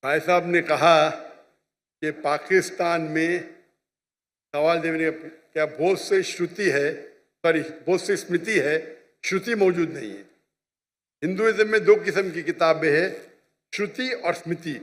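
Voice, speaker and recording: A man's voice: on the high side, a little slow, pauses often. A man answers questions before an audience, lecturing with firm emphasis. His speech rings out in a large hall with a long reverb tail. He keeps pressing his point and checking that the listener follows. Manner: lecturing, emphatic, repeats points with "you understand?". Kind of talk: public question-and-answer talk.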